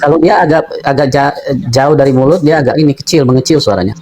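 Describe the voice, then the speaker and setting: A male host giving the guest halting, calm directions about her microphone. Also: on the high side.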